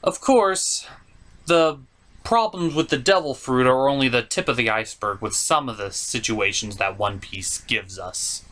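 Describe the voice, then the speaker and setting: An anime review show host delivers scripted commentary in a medium-pitched, fairly bright voice, speaking a little slowly. He sprinkles in joking asides and takes on an emphatic, mock-exasperated manner.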